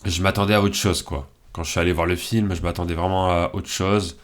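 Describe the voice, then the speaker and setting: A man's voice: low voice, a little fast. A man hosting his channel, chatting casually as he picks between films, thinking aloud with frequent hesitations and fillers. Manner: relaxed and candid. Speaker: channel host. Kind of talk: casual commentary while picking films.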